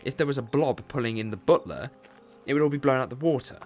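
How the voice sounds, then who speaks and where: A man playing the Doctor, an eccentric alien time traveler in an audio drama who talks quickly and theatrically and loves a grand explanation. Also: medium pitch, expressive, a little mellow, soft background music, lightly acted. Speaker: lead character. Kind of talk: fan audio drama acting.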